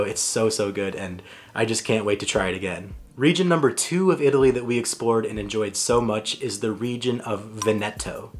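A young man narrating a travel food vlog in a chatty, enthusiastic, self-deprecating way. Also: mid-range voice. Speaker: travel vlogger.

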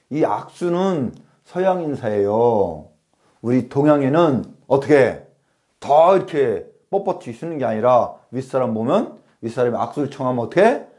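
A man's voice: medium pitch, dark tone. A man acting as a schoolteacher in a comedy class, scolding pupils and firing off rhetorical questions. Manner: scolding, rhetorical, keeps asking "어?". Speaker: comic playing a schoolteacher.

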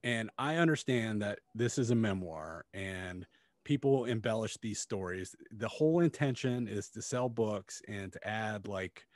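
A man in his forties, co-hosting a casual podcast that reviews books, speaks in a lowish voice with lively intonation and an unhurried pace. He is blunt, critical, and swears plenty. The studio-quality sound has no room tone, and he uses a close studio mic on a stand plus headphones.

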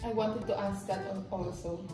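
A woman's voice: medium pitch, steady tone, normal speed, recorded from a distance. A woman in her twenties with a Filipino accent, chatting casually in mixed English and Tagalog. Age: 20s. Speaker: vlogger playing a sisters' quiz. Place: indoor dining room at a glass table. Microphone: camera mic a few feet away. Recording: very echoey room, music behind.

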